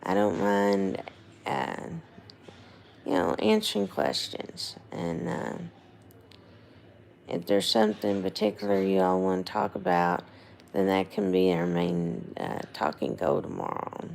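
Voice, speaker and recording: Female casual livestream host, voice failing and hoarse, slow unhurried chat, very croaky, faint noise behind. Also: very deep voice, wildly swooping pitch, a little mellow. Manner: rambling, informal, checking in with viewers. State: hoarse, losing voice, throat gone. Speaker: livestream host, nursing home resident.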